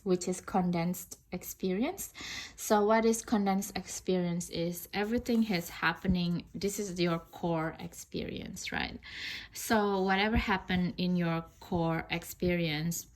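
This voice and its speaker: A woman's voice: lowish voice, fairly even intonation, a little slow. A woman from Indonesia, not an English speaker, talking casually and thoughtfully in a tarot review, rambling with many fillers and restarts. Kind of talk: casual unboxing review talk.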